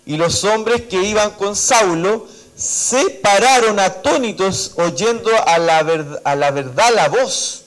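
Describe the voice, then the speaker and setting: A man's voice: high voice, expressive, slow, rough recording. A Chilean man preaching a sermon at a church service, reading scripture and acting out its dialogue, with many "amén" interjections. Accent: Chilean Spanish. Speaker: pastor.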